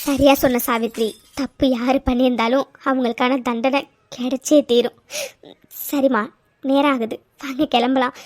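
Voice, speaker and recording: A woman voicing a calm, direct older mother-in-law in a cartoon who soothes and questions. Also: sits high, moderate pace, close to an everyday voice. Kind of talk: cartoon voice acting.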